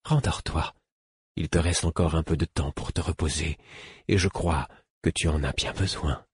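A man reading an audiobook, voicing a gentle male jester who speaks slowly and coaxingly as he tends to someone. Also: extremely low pitch, breathy edge, no room sound, full character voice. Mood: soothing.

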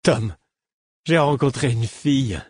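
A man's voice: mid-range voice, slow pace, darkish tone, breathy edge, dry recording, voice pushed up. A man voicing a tipsy, overjoyed young man in love, talking in an eager, exuberant way in a storybook reading. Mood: tipsy joyful.

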